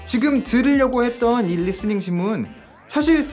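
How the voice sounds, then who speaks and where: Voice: medium pitch, lively intonation, normal speed, darkish tone, faint music behind. An English teacher giving a video lesson, explaining step by step and asking viewers questions along the way.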